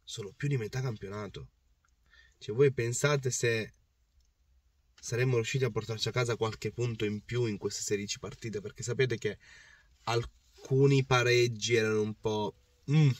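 A football fan vlogger in his thirties gives a casual match recap from his parked car, his voice low, rough, and worn hoarse. Passionate and rambling, he keeps restarting and circling back to repeat himself, picked up slightly distantly by a dashboard-mounted phone or camera.

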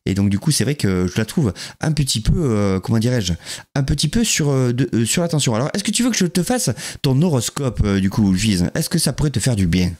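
A man live-streaming a horror game, chatting with viewers in a jokey, lively way and greeting them one by one. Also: medium pitch, fairly quick.

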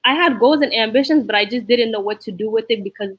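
A woman's voice: a little high, quick pace, dry recording, poor audio. A woman in her twenties, born in Somalia, speaking earnestly and reflectively about her own life on a video call from a room at home. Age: 20s. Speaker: youth program member. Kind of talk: personal testimony on a video call. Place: room at home with a whiteboard behind. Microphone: laptop webcam video call.

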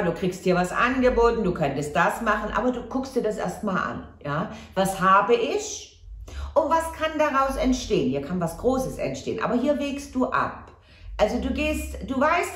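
A woman gives a casual tarot reading to camera, chatty and reassuring, often adding a questioning "ja?". Her voice is mid-range and the sound is reverberant.

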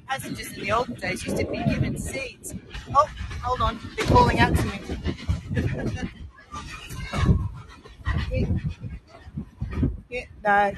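A woman narrates a casual walking tour in a chatty, eager way, pointing things out as she goes. She records on a handheld camera aboard a moving train carriage. Loud rattling train noise runs under her voice. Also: sits high. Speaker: travel vlogger host.

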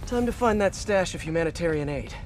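A man's voice: fairly high pitch, expressive, fast, darkish tone, slight background noise, natural voice. An actor playing a friendly, earnest young male superhero in a video game, casual and quippy. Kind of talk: video game dialogue and musing to himself.

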